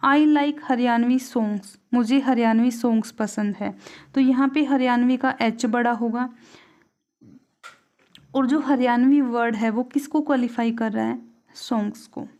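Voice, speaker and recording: A young woman with an Indian accent teaching an English grammar lesson in Hinglish. She asks questions and answers them herself, and she reads each example sentence slowly before translating it. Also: fairly high pitch, steady tone, darkish tone.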